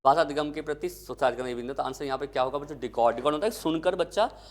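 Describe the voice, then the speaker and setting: Male teacher, fairly high voice, drilling exam answers in a question-and-answer lecture style. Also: racing. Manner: asks questions and answers them himself, addresses students as kids.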